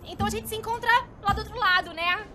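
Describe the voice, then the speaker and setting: A woman acting as a young Brazilian woman in a comedy sketch, panicky and sarcastic. Her voice is shrill and very high, whining in slangy exclamations over loud music. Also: steady tone, fast. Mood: pleading, resigned.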